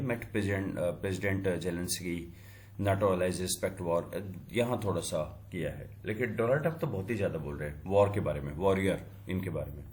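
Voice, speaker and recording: A man's voice: low-pitched, a little mellow, slight background noise. A middle-aged man teaching a coding tutorial, talking through each step and mixing in English terms as he works. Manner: thinks aloud while working, with small fillers. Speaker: instructor. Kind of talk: screen-recorded coding tutorial.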